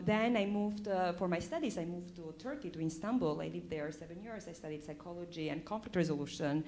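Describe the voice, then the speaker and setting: Woman, from Albania, forties, panel guest, hesitant, fillers, low-pitched voice. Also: darkish tone, a little hiss or hum. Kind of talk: panel discussion.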